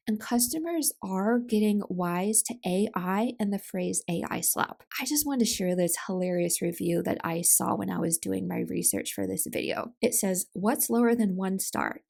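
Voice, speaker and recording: Woman with a gravelly, chatty voice. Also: mid-range voice, a little mellow. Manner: chatty, conversational, with asides and self-corrections. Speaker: self-publishing vlogger. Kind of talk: casual talking-head advice.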